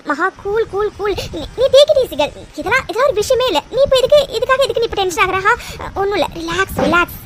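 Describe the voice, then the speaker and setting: A very high, quick-talking young heroine of a cartoon, played by a woman, jealous and forever muttering that she is perfectly relaxed. Her voice comes with a steady hiss in the background. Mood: irritated. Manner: frets aloud to herself, fast and high. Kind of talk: Tamil cartoon voice acting.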